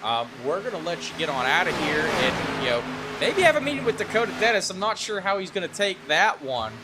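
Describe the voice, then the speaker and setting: A man hosting post-race interviews for an online racing league, asking upbeat, hurried questions with plenty of fillers. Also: high voice, big pitch swings, noisy background. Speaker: esports racing broadcaster interviewing drivers.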